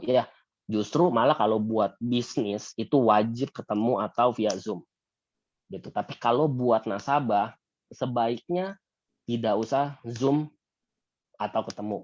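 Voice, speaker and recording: A man's voice: fairly low pitch, darkish tone, muffled recording. A man leading a sales team, coaching them in a casual, chatty way and often closing his points with a filler tag. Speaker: insurance sales team leader.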